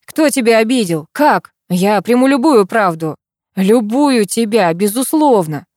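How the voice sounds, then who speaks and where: A woman's voice: a little high, animated, unhurried, darkish tone, no echo, studio quality, voice pushed up. A woman voicing a stern, intense male army colonel in an audiobook, speaking firmly and insistently. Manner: firm, clipped, insistent. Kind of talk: audiobook character voice.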